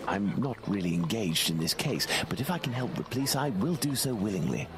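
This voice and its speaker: A man voicing a calm, precise detective in a video game, speaking formally and courteously. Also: lowish voice, brisk, noisy background, close to an everyday voice. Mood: composed. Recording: game audio with street ambience.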